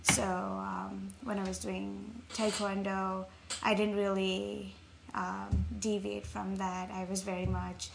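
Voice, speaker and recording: A woman's voice: medium pitch, level tone, slow pace, creaky. A young woman from Nepal, talking reflectively as an interview guest, with frequent ums. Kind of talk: casual interview. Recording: faint background noise.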